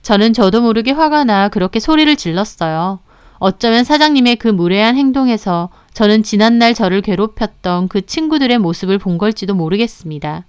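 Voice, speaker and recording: A woman narrating a first-person story in a clear, even storytelling manner. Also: mid-range voice, brisk, dry recording, studio quality.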